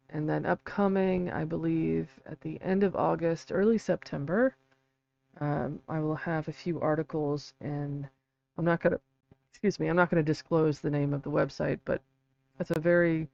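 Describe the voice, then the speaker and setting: A man with vocal fry giving a casual, halting livestream explanation, often checking in with a quick "right?" or "okay". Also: on the high side, a little mellow. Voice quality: vocal fry from an old vocal cord injury. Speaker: livestream host and researcher. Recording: dull lo-fi mic with faint hum.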